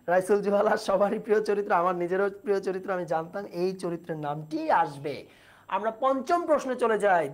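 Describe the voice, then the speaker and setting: Female tutor for a livestreamed exam-prep class: patient, explains step by step, quizzes students, reads their comments aloud. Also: medium pitch. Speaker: teacher.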